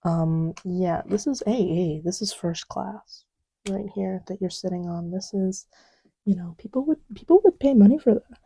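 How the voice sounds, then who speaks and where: Testing markers, an audio roleplay creator chats casually and intimately as the listener's partner, rambling in a playful, teasing way and often dropping to a near-whisper as if beside them. Her medium-pitched voice is dark and slightly rough, with vocal fry, at normal speed.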